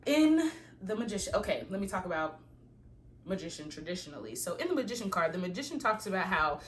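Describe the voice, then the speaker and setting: A woman's voice: fairly low pitch, sing-song, quick pace, a little hiss or hum. A woman reading tarot cards and giving a casual, preachy pep talk, encouraging listeners to plan and believe in their dreams. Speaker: tarot reader.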